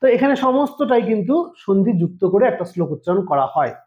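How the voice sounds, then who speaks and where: A man's voice: high-pitched, sing-song, fast, a little mellow, muffled recording. A man teaching a Sanskrit exam-preparation lesson, explaining step by step and often checking that students follow. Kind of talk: online lesson. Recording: roomy echo.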